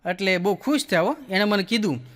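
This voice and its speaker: A man's voice: high-pitched, animated, a little fast, a bit bright, long reverb tail. A man with a Kathiawadi Gujarati accent telling jokes on stage as a folksy storyteller, acting out the people in his stories. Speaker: comedian. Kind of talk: stand-up joke telling.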